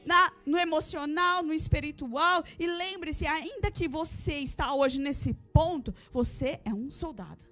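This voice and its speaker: A woman pastor with a notably high voice preaches a fervent sermon, repeating key phrases and firing rhetorical questions at the women of her congregation. Soft music plays faintly behind her in the church. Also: measured pace, few pauses. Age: adult with a daughter. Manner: addresses the women of the congregation directly. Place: church service.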